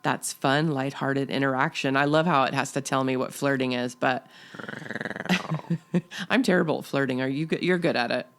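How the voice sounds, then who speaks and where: A woman's voice: a bass voice, steady tone, normal speed. A middle-aged woman co-hosting a chatty podcast. She talks in a loose, playful way, teasing her co-host with dry asides. Laughter keeps slipping into her voice. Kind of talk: casual chat.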